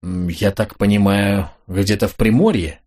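A man reading an audiobook, voicing a cool, sharp-tongued young woman who gives orders in an imperious, sarcastic way. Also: lowish voice, measured pace. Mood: matter-of-fact.

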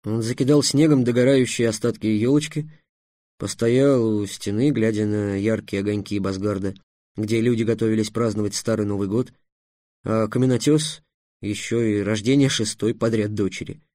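A man narrating a fantasy audiobook in an expressive, dramatic storytelling manner. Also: fairly low pitch, moderate pace, no echo, studio quality. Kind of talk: expressive fairy-tale narration.

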